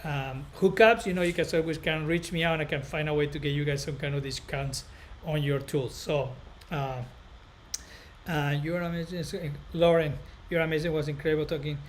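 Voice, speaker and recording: Speaking with a Spanish accent in a fairly high voice, a barber educator from northern Spain hosts a casual live stream for viewers. His talk rambles and halts, circling back to repeat phrases, with fairly even intonation and clear background noise behind him.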